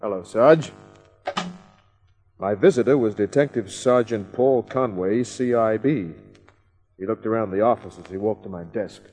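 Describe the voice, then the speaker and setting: A cool, wry private eye in an old radio crime drama, narrating in a slightly husky, middle-pitched voice. Faint music sits behind him. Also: male voice, moderate pace, long pauses, darkish tone. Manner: dry, wisecracking. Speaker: narrator and lead. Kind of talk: 1940s radio acting.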